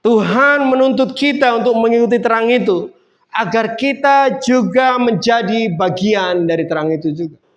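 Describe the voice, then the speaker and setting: A man preaching a sermon in a casual, conversational way, building up to emphatic points. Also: high voice. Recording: dull lo-fi sound.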